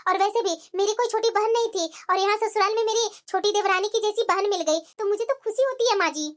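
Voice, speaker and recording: A woman voicing a kind, patient young daughter-in-law in a cartoon, calmly placating her mother-in-law. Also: extremely high pitch, brisk. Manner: patient, soft-spoken, placating. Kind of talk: cartoon voice acting.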